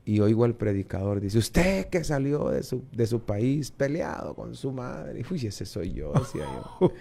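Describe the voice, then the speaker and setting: A man with a Guatemalan Spanish accent tells his story as an interview guest. He gets animated, putting on the voices of the people he met and doubling up on words as he goes. His pitch sits in an ordinary middle range. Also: a little slow, creaky. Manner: lively storytelling, acts out dialogue, repeats words. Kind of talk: testimony in an interview.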